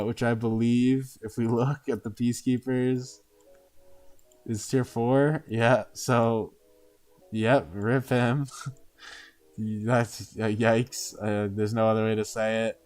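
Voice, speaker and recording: A man's voice: medium pitch, a little mellow, clean tone. A man giving casual live commentary as he streams a game, thinking aloud and often tagging on "uh" and "right?".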